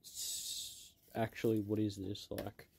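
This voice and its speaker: A man's voice: on the low side, completely flat delivery, takes it slowly, vocal fry, a little mellow, slight background noise. A man narrating casually while working in a cramped car footwell, muttering and swearing as he goes. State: out of breath. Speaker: car project vlogger. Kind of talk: casual work-along narration.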